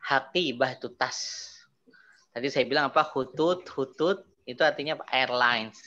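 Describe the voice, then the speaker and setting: A man's voice: mid-range voice, normal speed, dull audio. A man teaching Arabic in an online class, explaining patiently and stressing each Arabic word. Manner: explains patiently, repeats terms, lively emphasis on Arabic words.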